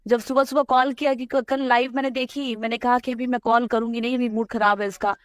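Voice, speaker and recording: A woman on a recorded phone call, talking anxiously with many hurried restarts. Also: on the high side, little pitch movement, no room sound, clean studio sound. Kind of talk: worried phone conversation.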